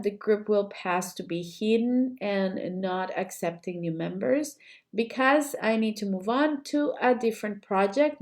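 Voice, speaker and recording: Slow-talking woman coach with a flu. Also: medium pitch, darkish tone. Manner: apologetic, chatty, greets viewers by name. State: sick with a flu, slightly hoarse. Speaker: cake decorating coach. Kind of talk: live-streamed online class. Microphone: computer mic while streaming.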